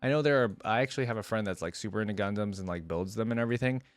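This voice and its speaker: This man talks at a racing pace in a fairly low pitch, with no room sound audible. He's doing casual reaction commentary, informal and opinionated, wandering from point to point and reading some text aloud.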